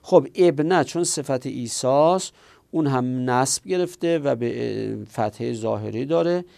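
A man's voice: mid-range voice, creaky, mellow, no room sound. A man teaching Arabic grammar in a lesson, explaining step by step and answering his own questions.

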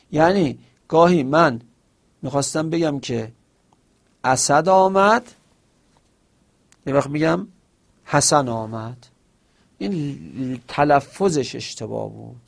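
A man's voice: mid-range voice, lively intonation, gravelly, long pauses. A man teaching a seminary lesson. He explains with examples, asks himself questions and quotes short Arabic phrases. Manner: quotes Arabic phrases within Persian speech.

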